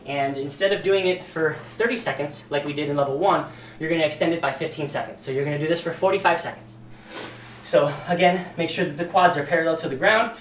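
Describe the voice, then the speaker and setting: A man walks through workout exercises like a casual fitness instructor, with lots of ums and a slightly out-of-breath sound. His voice sits a bit high. The camera mic is some way off, so the room echoes around him. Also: fast, fairly bright tone, recorded from a distance, slight background noise. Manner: casual, demonstrating moves with many ums. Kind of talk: workout demonstration.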